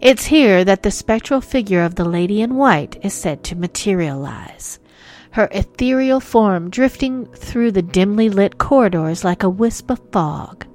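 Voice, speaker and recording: A woman narrates scripted ghost stories as a theatrical horror host. Her voice sits at an average pitch for a woman. She plays up the spookiness with playful drama, and music runs softly behind her. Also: moderate pace, hardly any pauses. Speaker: host of a ghost-story podcast.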